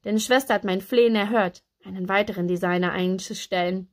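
A woman voicing a cheerful, teasing young male fashion designer in a lively, brisk, raised voice. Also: mid-range voice, natural voice.

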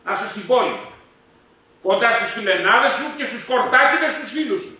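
Male amateur actor as a complaining husband, shouty and sharp, heard from far back in a reverberant hall. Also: very high-pitched, lively intonation, heavily acted. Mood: ranting. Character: fed-up husband ranting about city life. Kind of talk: live amateur stage play. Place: theatre stage. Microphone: distant room mic.

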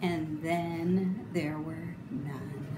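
With a low voice, fairly even intonation and a very slow pace, a middle-aged woman reads a children's picture book aloud, her delivery theatrical, emphatic and sing-song. She is indoors in a room with a roomy echo and clear background noise.

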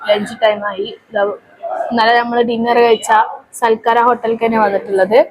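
A woman's voice: on the high side, little pitch movement, normal speed, slight background noise, poor audio. A woman with a Kerala Malayalam accent hosting a casual vlog, chatting directly to viewers and companions. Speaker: vlog host.

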